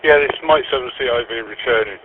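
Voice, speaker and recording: A man's voice: medium pitch, quick pace, slight background noise. A man talking over a two-way radio as an amateur operator, keeping to brief radio procedure and signing off each turn. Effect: heard over a two-way radio link. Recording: narrow, phone-like radio audio.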